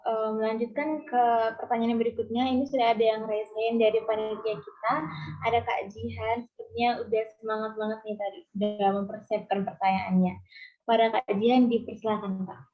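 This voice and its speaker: A woman runs the question round of a webinar and hands over to the next person briskly. Her voice is fairly high and holds a flat melody. It comes through a thin, phone-like call line. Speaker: moderator. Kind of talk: hosting a webinar Q&A. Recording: tinny phone-like call audio.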